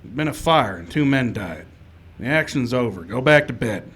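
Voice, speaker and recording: A man's voice: mid-range voice, animated, moderate pace, a bit bright, breathy edge. A man playing a stern, weary frontier marshal in a radio western, commanding and clipped. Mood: weary, firm. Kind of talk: 1950s-style radio western acting and narration.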